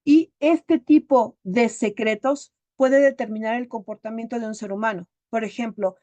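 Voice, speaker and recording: A woman therapist speaks in a lively, storytelling manner. Her voice sits fairly high. The recording is dry and close, with no room sound. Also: moderate pace, no echo, dull audio. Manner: chatty, animated storyteller. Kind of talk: storytelling talk.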